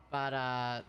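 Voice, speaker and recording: A man streaming a video game, commenting live to chat in an excitable way and repeating words in bursts. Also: mid-range voice, slight background noise.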